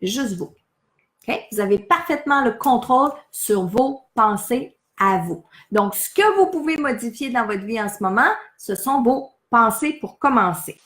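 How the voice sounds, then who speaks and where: A woman's voice: on the high side, lively intonation, a little slow, fairly bright tone, roomy sound. A woman with a Québécois French accent gives a casual live talk to viewers as a medium. She talks animatedly, keeps asking her viewers questions and acts out the phrases people say to themselves.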